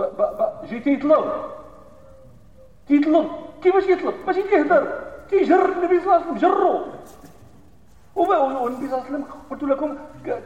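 A man with a Moroccan accent preaching a Friday sermon, moving between hushed solemn recitation and loud animated scolding. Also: very high voice. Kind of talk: Friday sermon in Moroccan Arabic mixed with classical Arabic. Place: mosque hall. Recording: echoey hall from far off, dull lo-fi sound.

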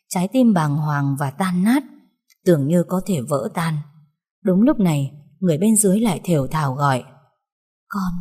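Warm, husky-voiced woman narrating a tragedy. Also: on the low side. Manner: measured, somber storytelling. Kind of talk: dramatic story narration. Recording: long reverb.

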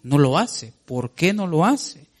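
A man preaching a sermon, addressing the congregation as brothers and reading scripture slowly and emphatically. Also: sing-song. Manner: rises sharply in pitch on emphatic points.

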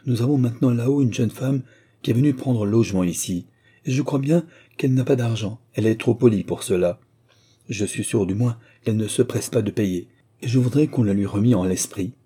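A man voicing an angry middle-aged innkeeper's wife who scolds in a raised, shrill voice in an audiobook reading. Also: a little fast, mellow, husky, close to an everyday voice. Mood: scolding.

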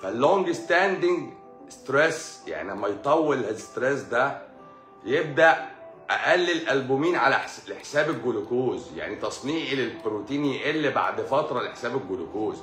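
A man's voice: medium pitch, animated, fairly quick, a bit bright. Egyptian man lecturing in an echoey room. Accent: Egyptian Arabic. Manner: repeats key words as questions, greets live viewers in asides. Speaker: doctor giving a live talk. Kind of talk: explanatory live stream lecture. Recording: echoey room with faint music.

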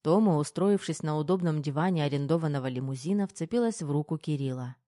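An audiobook narrator with a mellow, warm tone reads a novel evenly and without hurry. The voice sits close and dry, with no room around it. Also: medium pitch, quick pace, no echo. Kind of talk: scripted narration.

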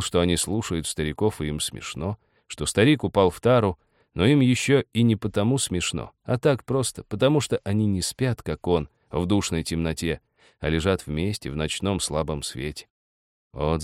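A man with a very deep voice narrates a literary story calmly, steadily. The recording is dry and close, with no echo. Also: moderate pace. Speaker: audiobook reader.

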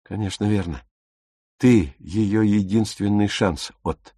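A man doing a firm, reasoning young brother, lowish voice, dry audiobook sound. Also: measured pace, dark tone, slightly rough, dry recording. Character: young man, calm, persuasive older brother.

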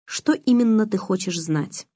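A woman's voice: medium pitch, expressive, unhurried, mellow, dry recording. A woman reading an audiobook, voicing an aloof teenage vampire boy with a dry, sardonic, restrained manner. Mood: cool, mocking.

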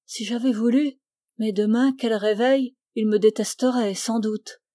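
A woman's voice: a little high, fairly even intonation, unhurried, mellow, dry recording, clean studio sound, lightly acted. A woman reading a teasing young woman. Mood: wistful. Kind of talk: audiobook dialogue reading.

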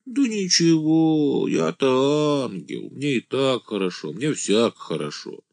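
A man voicing a simple-minded village man who calls himself an angel, speaking in a naive, drawn-out singsong. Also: mid-range voice, expressive, creaky, darkish tone, no room sound, voice pushed up. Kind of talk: audiobook character voice.

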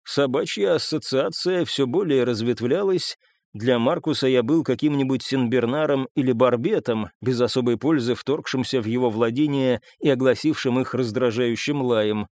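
A man narrates a gothic audiobook in the first person, at a steady and measured pace. His voice sits at an ordinary middle pitch for a man. The recording is close and dry, with no room sound. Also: dry recording.

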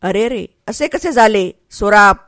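A woman's voice: mid-range voice, expressive, a little slow, a bit bright, dry recording. A woman voicing a mighty older male warrior and father, taunting and mocking in his speech. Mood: grieving.

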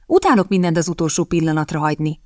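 Bossy big sister read by a woman, brisk n exasperated, dry close sound. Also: sits low, very animated, no echo. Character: determined, impatient elder sister, young woman.

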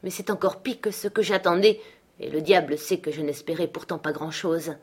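A woman reading aloud, voicing a sarcastic, scornful middle-aged father who speaks loudly and mockingly. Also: on the low side, normal speed, slightly rough. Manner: mocking, loud and forceful.

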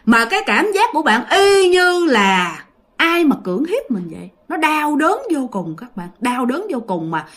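A woman's voice: high-pitched, very animated, moderate pace, a bit bright. Chatty woman telling a ghost story. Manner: chatty, repetitive, addresses listeners directly. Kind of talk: casual ghost story narration.

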